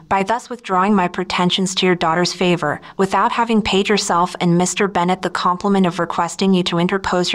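A woman's voice: lowish voice, natural voice. A woman reading a novel aloud, voicing a pompous young clergyman who speaks in stately, long-winded phrases. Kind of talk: audiobook reading.

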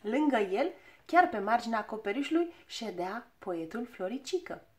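Brief: woman narrator, high voice, expressive children's audiobook reading. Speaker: storyteller.

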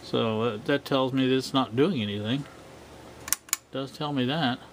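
Halting, relaxed male repair vlogger. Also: medium pitch, noisy background. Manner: relaxed, halting, many fillers. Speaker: vintage electronics repair vlogger. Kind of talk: casual workshop narration.

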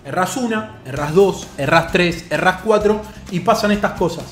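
A man's voice: high-pitched, normal speed, a bit bright, reverberant, soft background music. A young man with an Argentine accent commentating his own video game match, exasperated and repeating his complaints. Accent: Argentine Spanish. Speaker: gaming youtuber.

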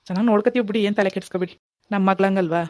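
A woman voicing a calm middle-aged village man, the groom's father, who speaks reassuringly. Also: medium pitch, racing, pitched below the performer's own voice, lightly acted. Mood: soothing. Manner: soothing, reassuring.

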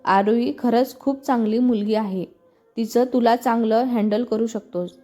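A woman's voice: fairly high pitch, steady tone, a little slow, mellow, faint music behind. A woman voicing a playful, teasing young man, the hero's best friend, in a storybook reading. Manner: teasing, mock-dramatic.

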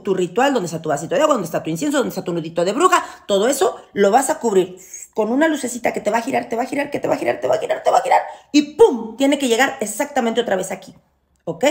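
A woman with a Mexican accent teaching a ritual in a loud, boisterous, chatty way, full of teasing slang and endearments. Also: a little high. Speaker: witchcraft teacher. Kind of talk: casual spoken tutorial.

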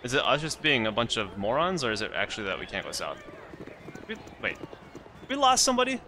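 A man's voice: medium pitch, huge pitch swings, brisk, noisy background. A man casually commenting on his own gameplay as the host of a let's play, chatty and self-mocking, talking to the characters on screen.

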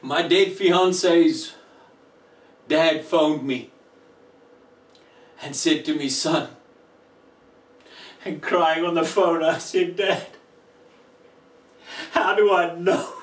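Male preacher, emotional testimony, long pauses, roomy echo. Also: on the high side, distant mic. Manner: slow, emotional, dramatic pauses. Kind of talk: testimony sermon.

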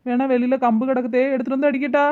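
A woman's voice: high voice, flat delivery, rapid-fire, narrow, tinny audio, lightly acted. A woman voicing a cheeky, lazy young wife, always hungry and talking back. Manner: cheeky, talks to herself, sweetly impudent. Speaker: lead character. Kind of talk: cartoon comedy voice acting.

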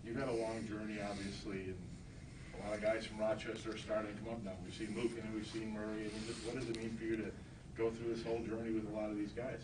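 A man's voice: lowish voice, completely flat delivery, fast, darkish tone, a little hiss or hum, poor audio. A man asking a player questions as a reporter at a postgame press conference, in a chatty way.

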